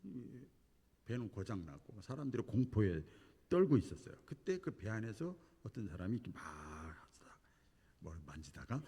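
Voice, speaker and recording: A man preaching a sermon as pastor, telling a story animatedly and moving between hushed and emphatic delivery. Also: fairly low pitch, sing-song, normal speed, husky, in a large hall. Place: church sanctuary.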